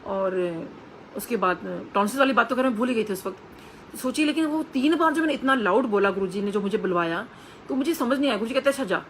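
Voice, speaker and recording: A woman's voice: fairly high pitch, expressive, fast, slight background noise, rough recording. A woman telling an earnest personal testimony to a congregation, acting out the voices of the people she quotes. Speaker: devotee sharing a testimony.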